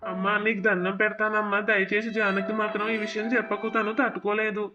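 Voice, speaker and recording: A man's voice: high voice, little pitch movement, a little fast, muffled recording, lightly acted. A man voicing a guilty young husband in a cartoon, pleading and defensive. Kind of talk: cartoon voice acting.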